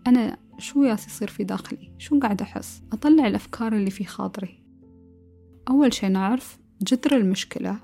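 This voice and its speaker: A woman giving a calm, earnest motivational talk, now and then mixing in English words. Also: medium pitch, creaky. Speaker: motivational speaker.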